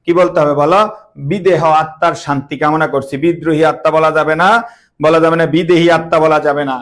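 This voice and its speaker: A man's voice: a little high, little pitch movement, quick pace. A young man teaching an online class, repeating words emphatically and quizzing his students with questions.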